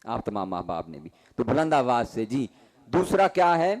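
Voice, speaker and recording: A man's voice: mid-range voice, very animated. A man teaching a Quran recitation class, asking questions and having students repeat terms in rhythm. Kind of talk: classroom call-and-response lesson.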